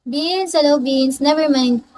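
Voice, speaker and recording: A woman's voice: high-pitched, unhurried, a little mellow, slight background noise, low-quality recording. A young woman live streaming on her phone, playfully greeting and teasing her viewers by name in casual chat. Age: young adult.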